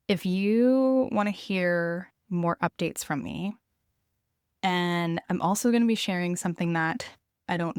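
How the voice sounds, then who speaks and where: A woman's voice: fairly low pitch, clean tone, no echo, studio quality. A woman podcast host chatting casually in a solo intro, recorded inside a small RV trailer.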